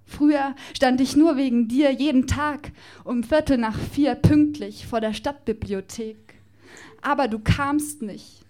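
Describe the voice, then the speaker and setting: High-voiced woman performing spoken word. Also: unhurried, a little mellow. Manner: playful, rhythmic, mock-passionate delivery. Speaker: poetry slam performer.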